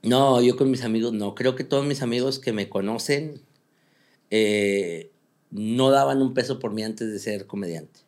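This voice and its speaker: A young man with a Mexican accent tells stories in a loose, slangy interview chat. He talks quickly and with a lot of energy. His voice sits at an ordinary middle pitch for a man. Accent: Mexican Spanish. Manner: fast-talking, animated storyteller, slangy. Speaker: comedian guest.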